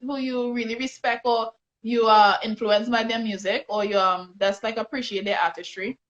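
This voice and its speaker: Trini lady hosting a live chat, bit high voice, jokey, sound kinda dull and lo-fi. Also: fairly even intonation, moderate pace, fairly bright tone. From Trinidad and Tobago. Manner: laughing, teasing. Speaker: interviewer blogger. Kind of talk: casual interview chat. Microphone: phone on a live video stream.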